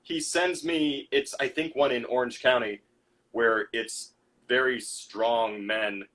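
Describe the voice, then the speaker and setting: A man's voice: mid-range voice, steady tone, slow pace, a bit bright. A man co-hosting a podcast in casual chat, dry and joking as he reads out messages from the chat. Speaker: podcast co-host.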